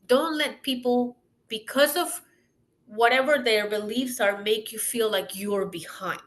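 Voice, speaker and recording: Woman, podcast guest, fairly high pitch, earnest, emphatic, encouraging. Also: unhurried. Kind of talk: casual interview chat.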